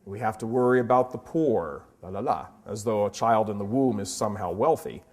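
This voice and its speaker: A man in his fifties quoting an older priest who gives a brisk, dismissive campus talk. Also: fairly low pitch. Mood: lecturing. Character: older male priest giving a smooth campus pitch.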